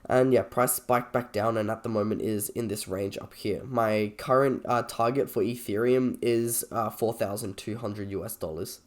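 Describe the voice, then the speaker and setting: A man with a croaky, slightly sick voice, talking informally and a little hesitantly as he reviews trades on a screen recording. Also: lowish voice, steady tone, moderate pace, few pauses. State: sick with a cold or cough. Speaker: trader presenting a video.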